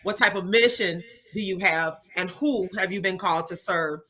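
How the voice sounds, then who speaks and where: Woman guest on a business show, super bright voice, polished speaker vibe. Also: on the low side, moderate pace. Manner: upbeat, polished, speaker-like phrasing. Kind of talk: interview answers.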